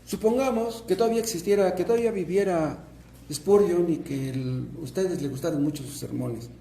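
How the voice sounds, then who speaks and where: High, gravelly Mexican pastor preaching. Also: male voice, moderate pace, mellow, roomy sound, a little hiss or hum. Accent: Mexican Spanish. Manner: teaching, asks and answers his own questions. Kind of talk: sermon.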